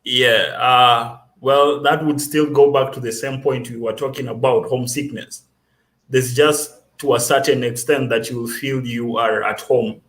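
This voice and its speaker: A young Kenyan man, a student guest, speaks in an earnest and self-assured way. His pitch sits in the middle, and he often restarts a phrase before pressing on. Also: fairly even intonation, measured pace, a bit bright. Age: young adult. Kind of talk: casual interview.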